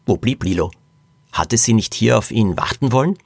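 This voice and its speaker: A man hosting a podcast, reading a children's mystery aloud and addressing his listeners in a lively storytelling manner. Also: lowish voice, moderate pace, gravelly, husky, dry recording.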